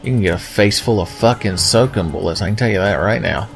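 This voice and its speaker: Male let's player, lowish pitch, sarcastic joking commentary, salty language, light music underneath. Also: fairly quick, gravelly. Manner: wry, sarcastic, swearing. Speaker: video game let's player.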